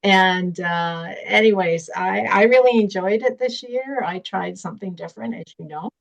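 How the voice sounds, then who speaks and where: A woman's voice: medium pitch, moderate pace, creaky, highs cut off. Giggly woman from Ontario, Canada. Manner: giggly, hesitant with many uhs. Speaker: participant. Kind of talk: casual chat.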